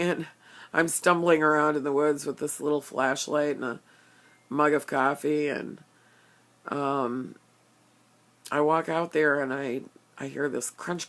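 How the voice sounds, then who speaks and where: Slow, halting older woman telling a story. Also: deep voice, fairly even intonation. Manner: halting, with stammered restarts and many fillers; earnest, openly emotional. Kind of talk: personal storytelling to camera.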